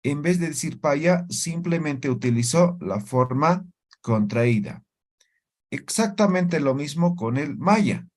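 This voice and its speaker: Slow, deliberate male language teacher. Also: on the high side, expressive. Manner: slow, deliberate, checks in with tag questions. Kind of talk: explaining a language lesson.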